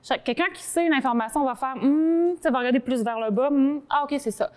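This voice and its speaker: A woman with a Québécois French accent explaining things conversationally to her co-hosts, animated and informal, often cutting herself off. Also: high voice, brisk. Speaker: talk show columnist.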